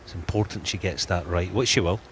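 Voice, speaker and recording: A man with a deep, low voice co-commentates on snooker. His delivery is conversational and analytical, over faint background noise. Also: fairly quick.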